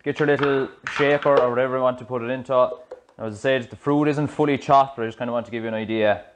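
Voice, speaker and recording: A man's voice: medium pitch, fairly even intonation, quick pace. Chatty Irish man in a kitchen. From Ireland. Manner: chatty, explanatory, loose restarts. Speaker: fitness coach. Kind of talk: casual cooking demonstration. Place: home kitchen, indoors. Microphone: small clip-on mic.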